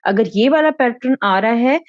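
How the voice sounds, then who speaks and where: A woman's voice: a little high, dry recording, muffled recording. A woman teaching an Arabic grammar lesson, explaining step by step and often checking that her students are following. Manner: patient, explains step by step, keeps checking with "theek hai?". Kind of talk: Quran grammar lesson in Urdu.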